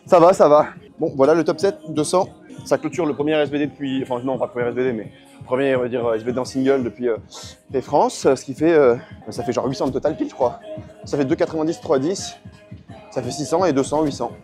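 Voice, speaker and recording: A man's voice: mid-range voice, quick pace, a little mellow, faint music behind. A young man chatting casually in a rambling gym vlog, worn out after a long training session. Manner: chatty, rambling, self-correcting. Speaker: powerlifting vlogger.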